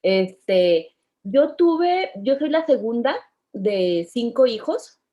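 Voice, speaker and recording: A woman's voice: on the high side, sing-song, drawn-out words, dark tone, muffled recording. A woman in her fifties from Mexico, chatting cheerfully as an interview guest and laughing often. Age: 50s. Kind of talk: casual interview chat.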